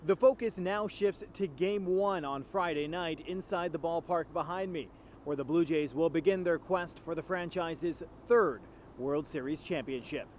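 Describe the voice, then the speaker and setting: A man's voice: on the high side, moderate pace, slight background noise. A man reporting for TV news from outdoors by a ballpark, with an upbeat, punchy scripted delivery.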